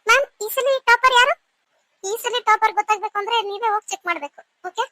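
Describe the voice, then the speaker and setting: A woman's voice: very high voice, fairly bright tone, no room sound, poor audio. A woman voicing chatty, emotional young female college students in a cartoon, switching between scolding and pleading. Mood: anxious. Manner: quick back-and-forth, scolding and pleading. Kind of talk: cartoon voice acting.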